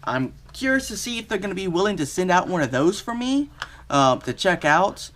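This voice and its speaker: A man giving a casual, unscripted product review in a halting, think-aloud way. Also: high voice, very animated, a bit bright, slight background noise.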